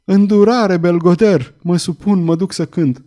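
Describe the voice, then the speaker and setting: A man's voice: high voice, mellow, voice pushed up, natural voice. A man voicing a grieving young street singer girl, pleading and tearful, in a read-aloud story.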